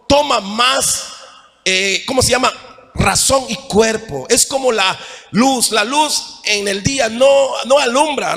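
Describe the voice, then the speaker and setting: In a church hall full of long, ringing echo, a Mexican man serving as pastor gives a sermon from the pulpit. His register is high and bright. He mixes emphatic, almost shouted lines with quieter asides, and keeps checking in with the congregation.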